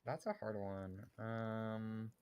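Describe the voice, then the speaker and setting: A male streamer in casual gaming chat, relaxed and hesitant, often repeating words. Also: on the low side, slow, smooth.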